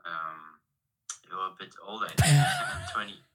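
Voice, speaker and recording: A man in his twenties, a non-native English speaker, talking hesitantly with many pauses over a video call. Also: low voice, expressive, a bit bright, faint music behind, poor audio. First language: not English. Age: 20s. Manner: hesitant, halting, many ums. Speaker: video chat stranger. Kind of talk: casual chat.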